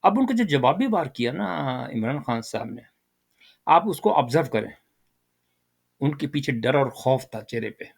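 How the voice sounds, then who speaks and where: Older male commentator, rhetorical and direct, lively delivery. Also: medium pitch. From Pakistan. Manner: animated, rhetorical, addresses listeners directly. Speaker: political commentator. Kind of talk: casual political commentary.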